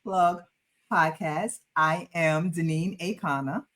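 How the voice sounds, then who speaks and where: Brief: woman co-host with a New York accent, playful and repetitive, crisp sharp tone. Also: lowish voice, steady tone, takes it slowly. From Harlem, New York. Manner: playful, repeats phrases for effect. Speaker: podcast co-host. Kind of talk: casual podcast banter.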